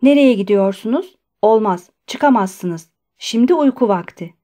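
A woman reader voicing a gruff male guard who answers curtly and firmly. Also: high voice, lively intonation, a little slow, dark tone. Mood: stern. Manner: curt, stern, firm. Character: gruff male asylum guard, curt and stern.

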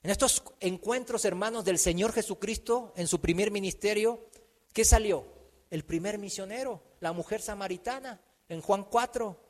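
A man preaching a sermon, swinging from loud emphatic lines to hushed ones. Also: high-pitched, moderate pace, big-room sound. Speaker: pastor.

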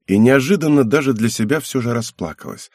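A man reading an audiobook aloud in an even, matter-of-fact way. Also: mid-range voice, fairly quick, no room sound, clean studio sound. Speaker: audiobook narrator. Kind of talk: audiobook narration.

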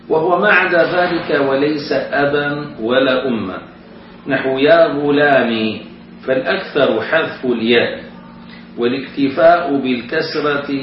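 Distant echoey male grammar teacher. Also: medium pitch. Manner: explains rules step by step, chants Quranic examples slowly. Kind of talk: classroom grammar lesson. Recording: echoey room, distant mic, dull lo-fi sound with faint hiss.

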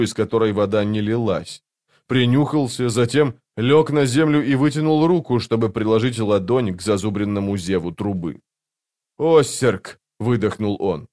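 A man narrating a fantasy audiobook in a steady, even reading voice. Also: mid-range voice.

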